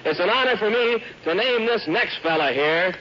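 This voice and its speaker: An American man hosts and announces a 1940s children's radio show live before an audience, with the hearty, folksy manner of a showman. His voice is high, sharp and expressive at a normal speed. The recording is a dull, noisy one from the 1940s.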